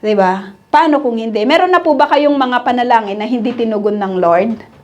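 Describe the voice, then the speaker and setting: A woman's voice: fairly high pitch, a little fast. A woman preacher giving a conversational sermon to her congregation. She keeps asking them questions and acts out people's prayers and pleas in quoted voices. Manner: addresses the congregation as brothers and sisters.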